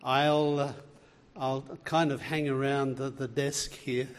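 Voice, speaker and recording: A middle-aged Australian man, a health researcher appearing as guest speaker, gives an earnest lecture to a church audience, full of fillers and restarts. His voice is medium-pitched and level, and he takes his time. A large hall adds long reverb.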